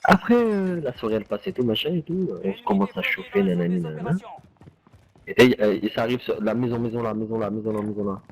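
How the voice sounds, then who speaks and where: A man's voice: fairly low pitch, fast, darkish tone, poor audio. A young man telling a casual anecdote to friends in street slang, peppered with slang tags and fillers. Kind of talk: casual anecdote told to friends while gaming.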